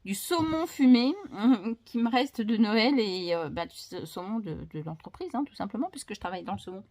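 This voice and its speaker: A woman's voice: mid-range voice, expressive, a little fast, darkish tone. A woman in a casual home book vlog, talking with many fillers and restarts, and speaking fondly to her dog between thoughts. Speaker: book vlogger.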